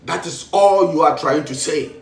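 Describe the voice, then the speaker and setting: A man with a Ghanaian accent delivers a spiritual teaching, preaching repetitively and switching between Twi and English. His voice is on the high side and moves at a moderate pace. The recording has a roomy echo, and he sounds distant.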